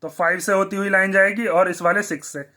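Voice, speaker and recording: High, bright-voiced male maths teacher. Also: flat delivery, fast. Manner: asks the class questions and answers them himself. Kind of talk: blackboard maths lesson.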